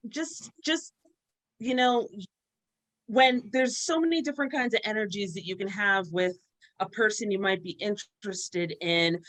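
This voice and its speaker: A woman joins a panel chat over a video call and speaks her mind frankly. Her voice is bright and mid-pitched. She often stops and restarts as she searches for words. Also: rough recording. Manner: frank, halting, many restarts. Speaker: panel guest.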